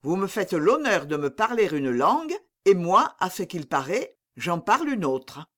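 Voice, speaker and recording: A woman's voice: on the low side, very animated, unhurried. Woman voicing an evasive young courtier. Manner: feigned naive, deferential, evasive. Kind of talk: audiobook character reading.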